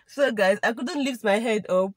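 A woman's voice: on the high side, normal speed, no room sound. A young woman with a Nigerian English accent talks straight to her viewers in a loose, chatty storytelling voice. She mixes Igbo and Pidgin phrases into her English. The sound is dry and close, with no room around her. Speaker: vlogger. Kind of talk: casual storytime monologue.

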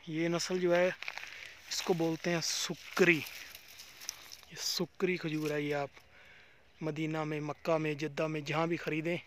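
A man's voice: a little high, a little hiss or hum. A young man vlogging outdoors in a date palm farm, chatting casually and pointing things out to viewers while filming with a handheld phone. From Pakistan. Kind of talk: casual walking tour vlog.

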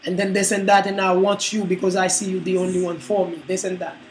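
A steadfast, devoted man, played by the speaker, speaking calmly and earnestly. His fairly high voice stays quiet and pleading. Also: quick pace, slight background noise, lightly acted, rough recording. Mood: tender.

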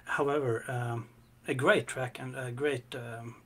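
A man co-hosting a music reaction chat, talking haltingly with many fillers and restarts. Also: mid-range voice, fairly even intonation, bright, forceful tone. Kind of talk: casual chat.

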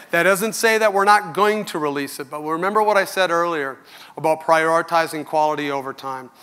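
A middle-aged company executive gives a keynote to customers on a large conference stage, talking into a headset mic. His voice sits on the high side with a sharp tone, and his delivery is earnest, conversational and candid.

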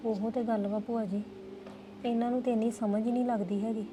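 A woman's voice: fairly high pitch, flat delivery, a little fast, noisy background. A woman playing a young woman in a family drama, complaining and defensive. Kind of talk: Punjabi family drama dialogue.

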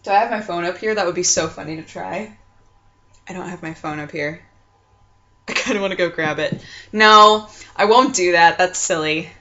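A woman's voice: on the low side, normal speed, sharp tone. Young woman chatting, muffled lo-fi webcam sound. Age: 20s. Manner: playful, rambling, acts out sounds and quotes. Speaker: vlog host. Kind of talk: casual chatty vlog. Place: small furnished room at home, indoors. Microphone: computer webcam mic at arm's length.

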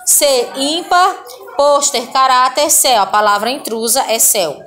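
A Brazilian woman with a high, slightly slow, somewhat bright voice teaches a recorded online Portuguese class for primary school children, with a faint hiss or hum in the audio. She patiently reads lists of words aloud and keeps checking in with her pupils.

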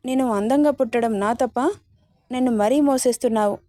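A woman's voice: a little high, brisk, mellow, no room sound, studio quality, natural voice. A woman voicing a sweet, coaxing young girlfriend.

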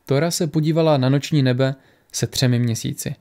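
A man narrating a fantasy audiobook in a steady storytelling manner. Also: mid-range voice.

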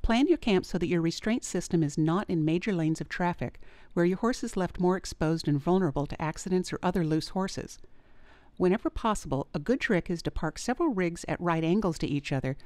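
Woman narrator, vet, lowish voice, calm and measured, dry close voice-over. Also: dry recording. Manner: calm, measured, clear advice. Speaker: veterinarian narrator. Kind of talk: scripted instructional narration.

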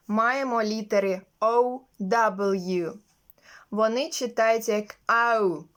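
A woman teaching English phonetics, explaining each letter combination slowly and carefully and sounding out every example word. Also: a little high. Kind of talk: slow instructional explanation.

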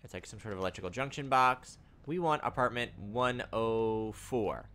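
A man's voice: fairly low pitch, moderate pace, sharp tone, smooth. A young adult man giving casual let's-play commentary, chatty and wry, muttering to himself. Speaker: gaming YouTuber.

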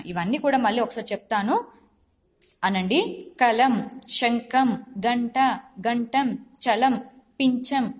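A woman teacher, giving a recorded lesson to young children, patiently repeating syllables and checking that they understand. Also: on the high side. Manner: drills syllables one by one. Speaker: school teacher.

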